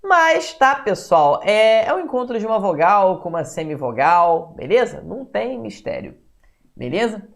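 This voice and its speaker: Chatty Brazilian teacher checking in. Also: male voice, high voice, sing-song, normal speed, creaky. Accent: Brazilian Portuguese. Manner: chatty, keeps checking in with "beleza?" and greets viewers by name. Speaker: exam-prep teacher. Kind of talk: live online grammar lesson.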